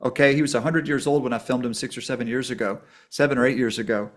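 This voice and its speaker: A middle-aged man telling stories as a podcast guest. His voice sits in an ordinary middle pitch, and he swings up high and loud when he acts out the people in his stories. He talks with a storyteller's animation. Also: steady tone, fast. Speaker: guest, documentary filmmaker.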